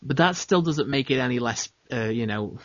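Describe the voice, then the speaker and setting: A man's voice: medium pitch, animated, normal speed, dry recording. Man, podcast host, opinionated casual film chat, dull lo-fi sound, dry room. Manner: opinionated, chatty, with frequent fillers and restarts.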